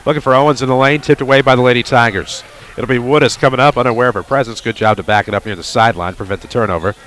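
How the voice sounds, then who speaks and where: A man calling a high school basketball game for radio play-by-play, quick with wry asides, from a gymnasium with faint noise behind. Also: a bit bright. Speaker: play-by-play announcer.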